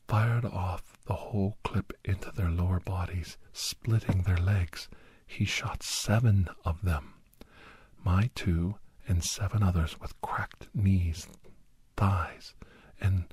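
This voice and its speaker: A man plays a solemn doctor narrating an ASMR war drama, a first-person tale of a harrowing battle told beside his young ward. His deep voice is breathy and husky, slightly mellow, and often close to a whisper, recorded close and dry without echo. He speaks in halting, short phrases, fully in character, and the mood is tense and grim.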